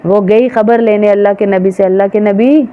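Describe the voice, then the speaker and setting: A woman's voice: mid-range voice, steady tone. A woman religious teacher preaching a sermon to women, emphatic and full of rhetorical questions. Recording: dull, slightly noisy recording.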